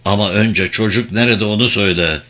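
A man's voice: lowish voice, fairly quick, pitched below the performer's own voice. A man reading a firm woman police officer. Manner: steady, firm questioning.

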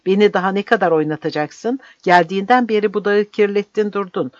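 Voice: mid-range voice, animated, moderate pace, no echo, natural voice. A brutal, bearded male guerrilla captain roars his contempt in a raised, strained voice, as an audiobook reader puts him on. The recording is dry, with no room sound, and slightly dull. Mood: furious. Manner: roaring, harsh, contemptuous.

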